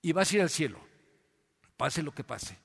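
Pastor preaching; animated storyteller asking his congregation questions, slightly high voice, long reverb of a church hall. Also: normal speed, gravelly, breathy edge. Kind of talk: sermon.

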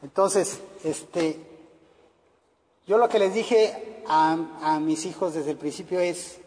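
Slow-talking Mexican man preaching. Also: on the high side, darkish tone, long reverb tail. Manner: earnest, personal, many fillers. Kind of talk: sermon to parents.

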